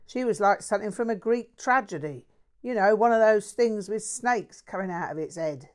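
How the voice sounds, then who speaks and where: A woman puts on a crude, brash working-class London man, pitching her natural voice above its usual level. Her delivery is lively at a moderate pace, and she rants, swears and uses plenty of slang.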